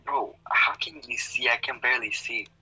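A young man chatting casually in slang while gaming, an excitable, easily scared horror game streamer. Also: mid-range voice, moderate pace, breathy edge. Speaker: gaming partner. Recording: dull, noisy lo-fi voice chat.

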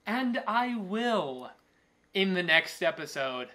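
A man's voice: sits high, big pitch swings, slow pace, heavy background noise. A man in his twenties hosting a let's play, chatting casually in a jokey, exclaiming way. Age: 20s. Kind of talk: casual gaming commentary with a co-host. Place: small living room, indoors on a couch.

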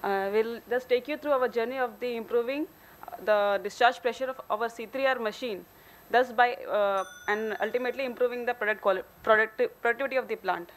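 A brisk, slightly high female voice delivers a formal conference case study; she's a company engineer with an Indian accent at a podium in a hotel conference hall. The recording is rough, with a little hiss or hum.

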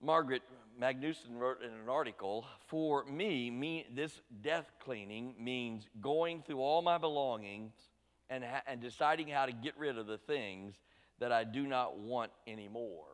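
A man's voice: mid-range voice, a little slow. A middle-aged man preaching a sermon, folksy and teasing his congregation directly. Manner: folksy, talks straight to the congregation with light teasing. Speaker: pastor. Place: church sanctuary. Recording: church sanctuary with long reverb.

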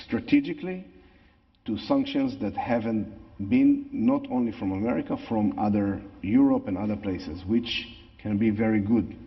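Israeli-accented guy, middle aged, lowish voice, explaining stuff in an interview, echoey hall, bit dull sound. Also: normal speed. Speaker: interview guest, tour guide. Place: large church sanctuary, indoors.

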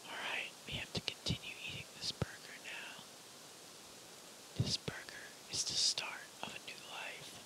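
A host whispering through an ASMR eating parody, deadpan, with crude jokes and swearing. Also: measured pace, rough recording. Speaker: channel host.

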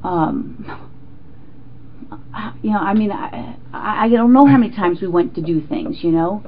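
A woman's voice: medium pitch, unhurried. Casting: middle-aged American woman, jittery accused suspect under police questioning, stammering and defensive; dull recording with faint noise. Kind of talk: informal police interrogation interview. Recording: muffled, noisy interrogation room recording.

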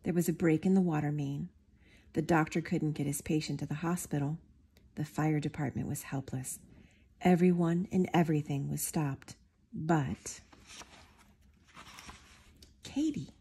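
A woman reads a children's picture book aloud. Her voice is warm and a little husky, sitting slightly low. She tells the story steadily and lifts into bright, excited voices for the characters. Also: moderate pace. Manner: expressive, lively character voices. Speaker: storybook reader.

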